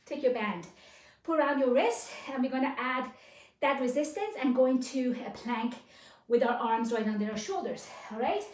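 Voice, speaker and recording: High-voiced woman coaching a workout. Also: animated, normal speed, a little mellow. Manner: encouraging coach, urging with short commands and counts. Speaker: fitness instructor. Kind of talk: live workout class instruction. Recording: roomy echo, distant microphone.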